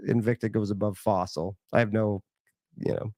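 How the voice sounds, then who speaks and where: A man's voice: fairly low pitch, fairly even intonation, moderate pace, mellow, dry recording, clean studio sound. A man chatting casually as a guest, easygoing and a bit hesitant, with lots of "like" and restarts. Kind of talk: casual chat.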